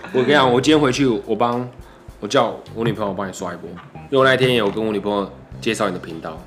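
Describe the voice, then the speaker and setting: A man's voice: fairly low pitch, fast talker, fairly bright tone, faint music behind. A young man with a Taiwanese Mandarin accent chatting casually as a podcast guest, playful and talkative, often repeating himself. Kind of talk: casual chat.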